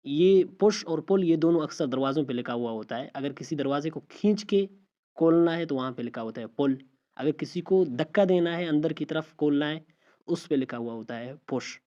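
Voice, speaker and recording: A man teaching English pronunciation, saying example words slowly and repeating each one. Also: on the high side, mellow. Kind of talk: spoken language lesson. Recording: slightly dull lo-fi audio.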